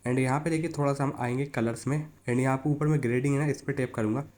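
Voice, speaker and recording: Fast and fairly even in intonation, a slightly mellow mid-range voice narrates a step-by-step phone photo editing tutorial. The man keeps it casual, addressing viewers as "buddy" (यार) and telling them again and again to look as he instructs.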